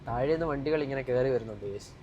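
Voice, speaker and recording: A man's voice: medium pitch, quick pace, phone-quality sound. A young Malayali man chatting casually to viewers in a driving vlog, mixing English words and slang into his speech. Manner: informal, repeatedly addressing viewers. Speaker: vlogger.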